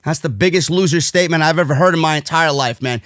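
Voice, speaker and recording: Through very noisy audio, a fast-talking American man with a New York accent and a voice on the high side rants as a brash wrestling commentary host. His tirade is profane and indignant, and he stresses every point hard.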